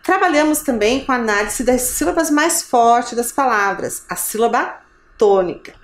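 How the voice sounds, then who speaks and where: A woman teacher with a Brazilian Portuguese accent giving a televised lesson to children, animated and sing-song. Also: a little high. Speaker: primary school teacher. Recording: roomy echo.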